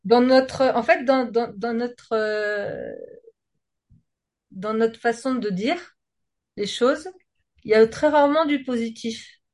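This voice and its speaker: A French singer appearing as a guest talks casually and at length with a French accent, using informal, slangy language. Her voice is a little high and a little mellow, and she speaks slowly with frequent pauses.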